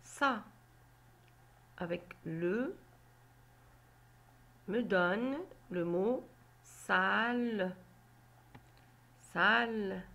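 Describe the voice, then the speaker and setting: A woman teaching a phonics lesson to children, sounding out syllables slowly and deliberately. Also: mid-range voice, fairly bright tone. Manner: slow, deliberate, spelling out syllables.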